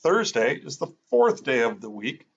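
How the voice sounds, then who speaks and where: A man's voice: mid-range voice, very animated, moderate pace, vocal fry, breathy edge, dull audio. A man teaching in a casual, thinking-aloud way, with many fillers as he sounds out words. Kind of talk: casual explanatory lesson.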